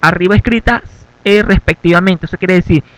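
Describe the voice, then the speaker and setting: Giving a classroom lesson, this man from Venezuela explains English in Spanish one step at a time, constantly checking in with "ok". He has a high, fairly quick, fairly bright voice, captured on a rough recording.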